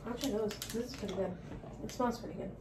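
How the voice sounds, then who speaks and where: A woman casually tasting snacks with a friend, talking in a relaxed, hesitant way. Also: medium pitch, fast, noisy background. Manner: relaxed, hesitant, plenty of likes. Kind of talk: casual unboxing taste test. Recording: echoey room, mic far off.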